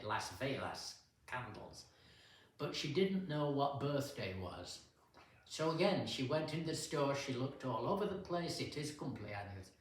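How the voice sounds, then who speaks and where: An older man telling a relaxed story to a church men's group, unhurried, with pauses and fillers. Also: mid-range voice. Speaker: guest speaker at a men's fellowship. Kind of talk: casual storytelling talk. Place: church hall. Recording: echoey room, distant mic, faint hiss.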